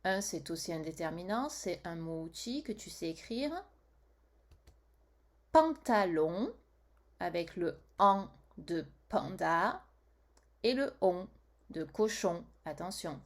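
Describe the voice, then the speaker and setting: A woman teacher giving a slow dictation lesson to young children, reading the sentence word by word and adding spelling reminders. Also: fairly low pitch, animated.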